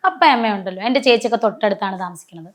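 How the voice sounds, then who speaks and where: With a mid-range, racing voice, a woman tells stories animatedly during an emotional personal interview, impersonating the voices of those she quotes. She often stops partway to restart or correct herself.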